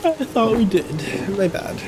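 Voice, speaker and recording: A man's voice: very high-pitched, lively intonation, measured pace, music in the background. A man streaming a game live, giving wry, joking, chatty commentary.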